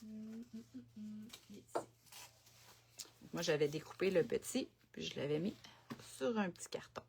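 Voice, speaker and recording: Streaming live from her home desk, a Quebec French-accented woman demonstrates a craft in a chatty, thinking-out-loud way, with plenty of fillers. Her mid-range voice is slightly mellow with lively intonation and a normal pace, picked up by a desk-mounted camera along with a little hiss or hum.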